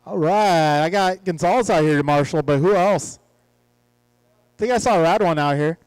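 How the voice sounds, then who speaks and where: A man with a fairly high voice runs the announcing at a hobby race track. He calls lineups and race positions and jokes casually between heats. The sound is dry and close. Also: normal speed, clear, resonant tone, no room sound, poor audio. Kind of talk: live race commentary. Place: outdoor RC track.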